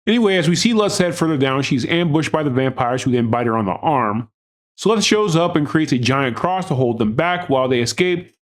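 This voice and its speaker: Male recap host, voice a bit high, delivering scripted comic film narration with mocking sarcasm. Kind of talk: scripted comedic review narration.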